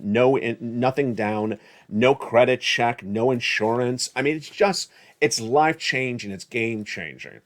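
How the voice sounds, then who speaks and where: A man hosting a live finance stream, talking excitedly with loud bursts and slow, stretched words for emphasis. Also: medium pitch. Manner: excited, emphatic, swings between loud bursts and quiet asides. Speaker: channel host. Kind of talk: hyped live stream monologue.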